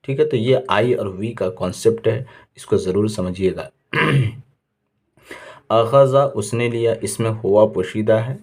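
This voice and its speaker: Brief: low-pitched male teacher drilling verb forms, patient and methodical. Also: a little mellow. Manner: patient, repeats each word with its meaning, asks and answers his own questions. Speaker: Arabic grammar teacher. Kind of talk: classroom lesson explanation.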